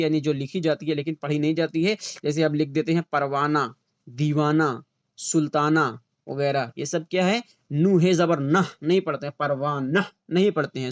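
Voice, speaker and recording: Male teacher drilling grammar, slightly high voice. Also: no room sound, clean studio sound. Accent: Urdu-inflected Hindustani. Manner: asks questions then answers them, repeats example words slowly. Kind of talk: online exam-prep grammar lesson.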